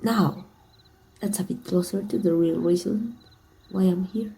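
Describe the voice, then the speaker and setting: A Mexican woman plays a teasing, tender female villain in an intimate ASMR roleplay, her voice soft, breathy, and partly whispered, with a flirtatious, teasing mood. She speaks unhurriedly at a medium pitch, and the recording is rough.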